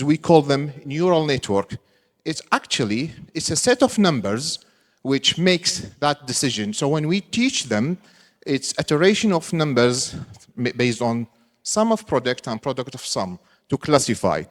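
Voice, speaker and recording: Man presenting in a reverberant hall. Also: mid-range voice. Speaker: conference speaker, assistant professor. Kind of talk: live conference presentation. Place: large conference hall with audience. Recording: reverberant large hall sound system.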